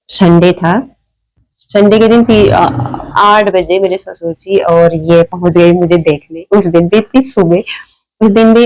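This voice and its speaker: A woman in her thirties chats to her phone camera from home, telling a personal story. She rambles, circles back, and fills pauses with little hesitations. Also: lowish voice, mellow, rough recording. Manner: chatty, rambling with many fillers and restarts. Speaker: vlogger. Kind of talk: casual storytelling vlog. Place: at home, seated. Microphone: phone propped in front of her.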